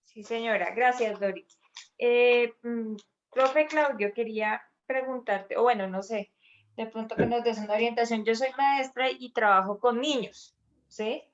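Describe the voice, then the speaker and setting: A woman's voice: fairly high pitch, a little slow, muffled recording, a little hiss or hum. A woman, a schoolteacher, hesitantly asking a question in an online workshop, with many fillers. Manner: hesitant, full of fillers like "digamos". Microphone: video call.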